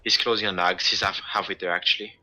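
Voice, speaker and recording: A man's voice: sits low, little pitch movement, quick pace, pushed and bright, rough recording. A man giving casual esports analysis as co-caster, chatty critiques full of "like".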